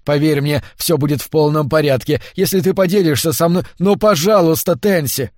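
An anxious middle-aged professor husband in an audiobook, earnest and pleading, voiced by the male reader. His voice rises above the narration and gets louder, recorded close and dry. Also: on the high side, normal speed, no room sound, close to an everyday voice.

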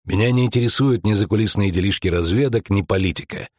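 A man's voice: lowish voice, fast talker, darkish tone, lightly acted. A man playing a terse, weary monster hunter in an audiobook, speaking in curt, blunt phrases. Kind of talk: audiobook acting.

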